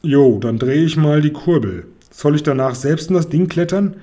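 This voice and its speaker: A man's voice: on the high side, moderate pace, natural voice. A man voicing an easygoing male dragon friend in an audiobook. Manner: relaxed, casual.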